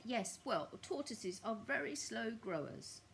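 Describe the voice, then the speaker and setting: Shy lovestruck storybook man, played by a woman: polite, solemn, measured, lightly pitched. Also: sing-song, creaky, a little hiss or hum, full character voice. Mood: earnest, solemn. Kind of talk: children's storybook reading.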